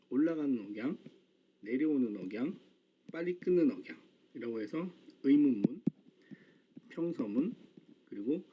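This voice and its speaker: A male teacher giving a calm, explanatory grammar lecture in casual, informal speech. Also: a little high. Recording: slightly dull lo-fi recording.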